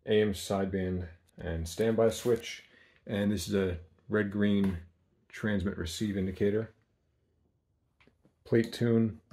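A man's voice: fairly low pitch, a little mellow. A man casually demonstrating equipment in a small workshop, plain-spoken with frequent ums, speaking off camera. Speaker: amplifier builder demonstrating equipment.

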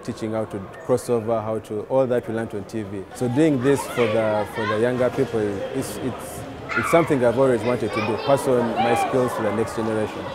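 A man's voice: mid-range voice, background noise. A man, a basketball coach, talking earnestly in a documentary interview about teaching young players.

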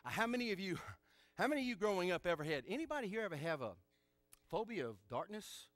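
A male pastor preaching a sermon in church, emphatic and animated, with joking asides. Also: sits high, quick pace, no room sound.

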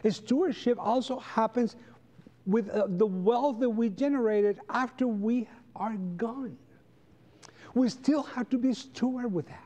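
Standing before the pews of a big sanctuary, this Sabbath school teacher from Costa Rica delivers a church lesson in a chatty style full of rhetorical questions. He's middle-aged, speaks Spanish natively, and carries a Costa Rican accent. His pitch is extremely high, his pace unhurried, and his tone mellow.

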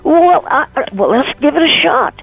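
Older woman, bewildered prank-call target, lively pitch, muffled phone sound. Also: moderate pace, gravelly, soft background music. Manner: bewildered, laughs easily. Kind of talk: phone conversation.

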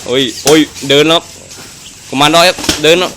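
A man doing excited Muay Thai boxing commentary, full of exclamations and rapidly repeated phrases. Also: a little high. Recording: noisy live event recording.

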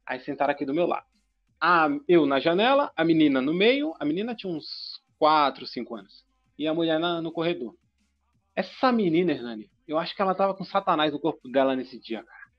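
Animated high-voiced storytelling man. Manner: animated, profane, talks in short bursts. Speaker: podcast guest telling a story. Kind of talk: casual storytelling. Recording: dull lo-fi sound with faint music.

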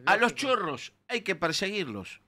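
A man in his sixties with a Rioplatense Argentine accent argues emphatically and indignantly on a radio panel, gesturing as he presses his points. His bright voice is slightly high for his age, very animated and a little slow, picked up close on a studio mic with headphones.

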